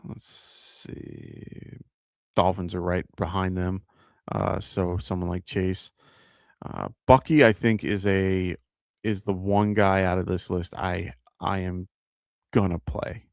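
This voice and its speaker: A man with a New York accent talks in a relaxed, rambling way, stopping often on "uh" and "um" as he works through his picks out loud. His voice sits low with a gravelly edge, yet it stays smooth and full. The sound is close and dry, with almost no room around it. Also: takes it slowly, pauses often, no echo. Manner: casual and conversational, thinking aloud with many fillers. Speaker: fantasy football show host. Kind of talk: live-stream chat answering viewer questions.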